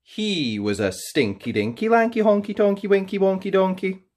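The host of a read-aloud show reads a children's picture book in a playful, theatrical style, drawing out key words for emphasis. The voice is mid-range, expressive and darkish in tone, at a moderate pace.

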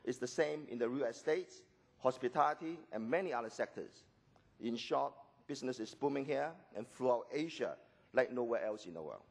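A man from Hong Kong, losing his voice, gives a formal welcome speech as an executive director, measured and pausing with occasional "uh"s. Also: mid-range voice, expressive, vocal fry, husky. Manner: measured, with frequent pauses and filler "uh"s.

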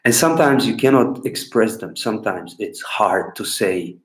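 A Bulgarian man in his thirties, speaking English with a Bulgarian accent in a lowish, animated voice, is a clown answering viewer questions into his laptop webcam at his desk. Talking casually to camera from a small room at home, he's unhurried and rambling, pausing to search for words. The laptop mic picks up an echoey room.

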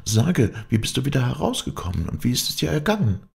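A man's voice: mid-range voice, sing-song, a little fast, vocal fry, voice pushed up. A man voicing a tearful young princess in a storybook reading, pleading. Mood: anxious.

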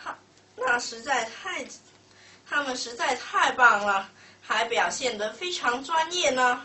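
A woman presenter speaks slowly in a high, bright voice. Her scripted announcements sound distant in an echoey room. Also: expressive. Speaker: assembly co-presenter. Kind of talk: scripted bilingual event announcing.

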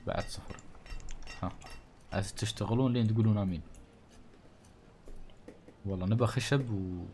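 On a studio condenser mic, a gaming channel host gives relaxed commentary in a Gulf Arabic accent, thinking out loud and playfully griping at the in-game townsfolk. His voice sits on the low side with a bit of mellowness.

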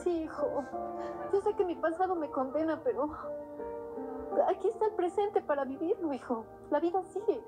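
A woman's voice: very high voice, animated, moderate pace. An actress with a Mexican accent playing a remorseful middle-aged mother, pleading earnestly in a telenovela. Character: remorseful, pleading mother begging her son's forgiveness. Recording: loud music under outdoor dialogue.

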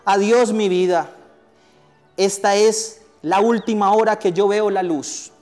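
A man voicing a small frightened lazy female bee with a high, pleading voice. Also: fairly even intonation, slow, a little mellow. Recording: echoey hall, faint music.

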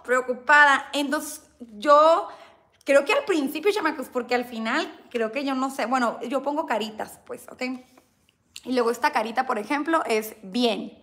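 A woman's voice: high-pitched, a bit bright. A woman with a Mexican accent who chats playfully with her viewers on a livestream while reading aloud from an old diary. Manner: chatty, playful, calls viewers "chamacos" and "bebé". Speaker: YouTuber hosting a livestream.

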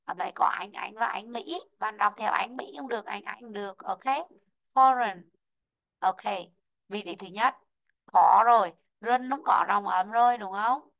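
A woman teaching an online English lesson, slowly modelling word stress and calling out students who answered right. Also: medium pitch, creaky, a bit bright, dull audio. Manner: slow, drawn-out model pronunciations of English words; calls out student names and marks answers right.

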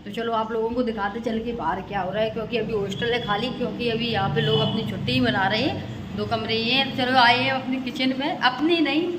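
A woman's voice: on the high side, steady tone, fairly quick. Chatty young woman vlogging from a hostel. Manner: chatty, talking to viewers. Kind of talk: casual vlog narration. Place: hostel room and kitchen, indoors. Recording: noisy phone recording.

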